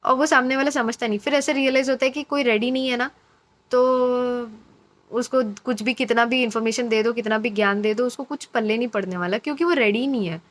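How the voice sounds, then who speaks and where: A woman's voice: on the high side, fairly even intonation, fairly quick. A woman giving a casual, encouraging intuitive reading to her viewers, chatty and repeating phrases for emphasis. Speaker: intuitive card reader.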